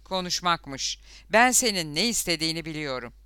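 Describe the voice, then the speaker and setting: A man voicing a bold, sharp-tongued young girl who hisses and scorns, in a storybook reading. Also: a little high, lively intonation, normal speed, smooth, no room sound. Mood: scornful. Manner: hissing, scornful.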